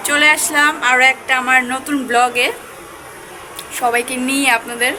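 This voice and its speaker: A young woman vlogger chats to her viewers directly in a rambling, casual way, talking about her cold and sore throat as she moves around her home, indoors and through the rooftop garden and kitchen. Her voice is high-pitched and steady at a normal speed, with a noisy background.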